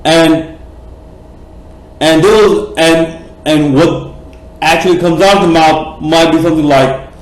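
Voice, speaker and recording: Casting note: slightly high-voiced man, blunt, profane vlog ranter, echoey room. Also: fairly even intonation, slow, long pauses. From Bangladesh. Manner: passionate, rambling, many fillers and restarts, blunt and profane. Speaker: cricket vlogger. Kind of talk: opinionated vlog rant.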